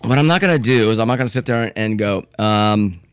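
A man's voice: lowish voice, fairly quick, smooth, no room sound, clean studio sound. A man co-hosting a casual home show, rambling with lots of fillers and swearing. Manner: rambling, filler-heavy, profane. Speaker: co-host. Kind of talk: casual chat.

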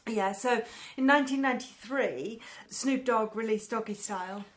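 High-voiced woman hosting a chat. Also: moderate pace. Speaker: podcast host. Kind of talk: casual informative chat.

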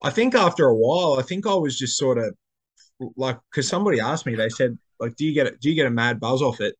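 A man's voice: mid-range voice, animated, fast, breathy edge. An Australian man in casual podcast chat, telling stories and repeating phrases for emphasis. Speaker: podcast co-host.

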